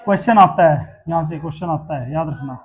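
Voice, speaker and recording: A man's voice: on the high side, a little fast. A man teaching a class, asking questions and repeating the answers himself. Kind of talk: classroom lesson.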